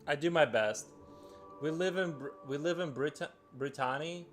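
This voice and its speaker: A man's voice: on the high side, moderate pace, a bit bright. A man chatting casually on a live stream while he draws, thinking aloud with frequent restarts and filler words. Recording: faint music underneath.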